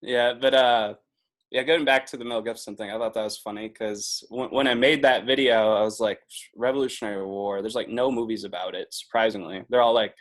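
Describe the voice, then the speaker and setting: A man in his twenties talks as a podcast guest in a relaxed, meandering way. He laughs often and keeps reaching for "like" as he goes. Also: on the low side, brisk. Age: 20s. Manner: chatty, laughs often, leans on filler "like". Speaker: podcast guest, video producer. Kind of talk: casual podcast chat.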